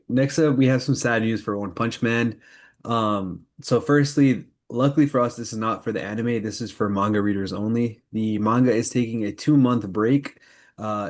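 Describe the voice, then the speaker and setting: With a fairly low, slightly mellow voice, the co-host keeps things informal as he leads a casual podcast roundup of anime news, segment by segment.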